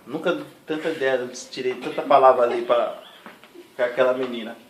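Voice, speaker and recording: A young man giving an animated, slangy spoken testimony in a church setting. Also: mid-range voice, a little fast. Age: young adult. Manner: slangy, animated storytelling with voiced impressions. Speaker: testimony giver. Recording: echoey room, distant mic, noisy.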